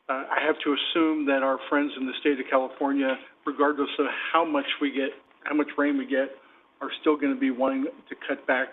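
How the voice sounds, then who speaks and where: A man speaking as a council member, plain-spoken and frank. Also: medium pitch. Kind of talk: council meeting remarks. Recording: tinny phone-like audio with faint noise.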